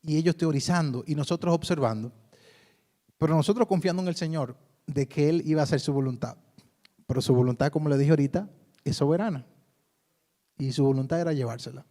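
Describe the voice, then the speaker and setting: A man's voice: on the high side, a little fast, pauses often, dark tone. A man preaching a sermon in a conversational way, often calling his listeners brother. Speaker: pastor.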